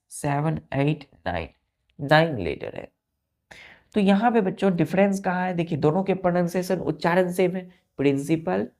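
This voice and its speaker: A woman with a low, darkish voice teaches a vocabulary lesson. She spells each word letter by letter and often asks "clear?" to make sure her students are following.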